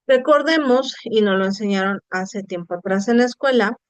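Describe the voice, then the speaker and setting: A woman gives an online lesson, her voice smooth and resonant. She explains patiently and keeps checking with her students, in a dry close sound with no room echo. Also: mid-range voice, moderate pace. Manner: explanatory, addresses students directly with rhetorical checks. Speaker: teacher. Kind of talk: online class lecture. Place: online video session.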